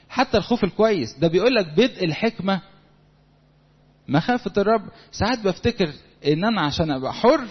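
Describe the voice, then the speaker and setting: A man with an Egyptian accent delivers a lively, conversational sermon, slipping into little acted-out dialogues. His voice sits a little high and husky, and he talks fast. The recording is dull and lo-fi, with a long hall echo. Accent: Egyptian Arabic. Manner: lively, conversational, acts out quotes. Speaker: preacher. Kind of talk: sermon to young people.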